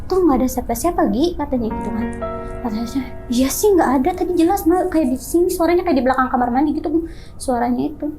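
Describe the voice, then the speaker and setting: A young woman tells a personal ghost story as an interview guest. She talks in an animated way and acts out other people's lines in quoted voices. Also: high voice, fast, soft background music. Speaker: guest telling her story.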